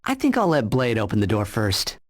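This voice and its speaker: A man's voice: on the low side, wildly swooping pitch, fairly quick. A man playing a young, breezy superhero who trades flippant, sarcastic quips in a video game. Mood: cocky. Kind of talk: video game cutscene acting.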